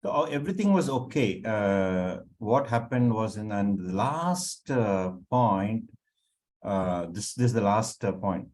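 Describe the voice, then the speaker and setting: A man explaining things informally on a video call in an online meeting, in a halting, repetitive way. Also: lowish voice, animated, a little mellow. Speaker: working group participant presenting.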